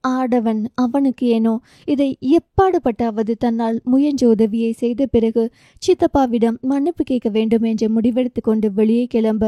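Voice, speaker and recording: A woman's voice: fairly high pitch, moderate pace, dark tone, no echo, clean studio sound. A woman narrating a romance novel audiobook, reading with feeling and giving each character their own voice. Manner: emotive, voices dialogue with feeling.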